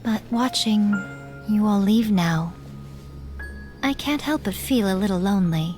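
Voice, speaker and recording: A woman's voice: medium pitch, a little slow, close to an everyday voice. Yae Miko, a woman voicing a sly fox-spirit priestess. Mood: wistful. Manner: teasing, languid, mischievous laughter. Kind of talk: video game voice acting. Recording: game music playing faintly behind.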